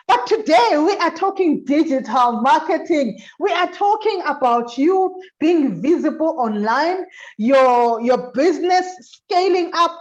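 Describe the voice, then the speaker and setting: A woman with a high, bright voice hosts a talk show with lots of energy. She hypes up her guest and calls out directly to the viewers. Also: lo-fi sound. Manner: lively, hyped, addresses viewers directly. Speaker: show host.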